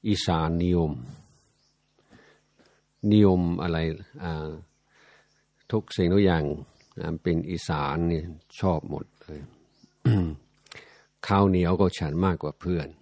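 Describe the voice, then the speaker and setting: An older man, a Buddhist monk speaking a language that is not his first, telling a story in a halting, self-amused way with many fillers, often clearing his throat. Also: low voice, steady tone, a little mellow, no room sound. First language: not Thai. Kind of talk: reflective dharma talk storytelling.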